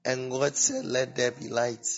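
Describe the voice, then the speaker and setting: Man with a swollen, sore-throat voice, lo-fi. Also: mid-range voice. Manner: halting, apologetic, repeats words. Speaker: podcast host. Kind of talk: informal religious teaching podcast. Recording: dull lo-fi audio, music behind. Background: background music.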